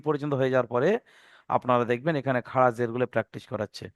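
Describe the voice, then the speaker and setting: A man teaching an online reading lesson, patiently spelling out letters and vowel marks step by step and drawing out the recited words slowly. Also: medium pitch, fairly even intonation, no room sound, clean studio sound.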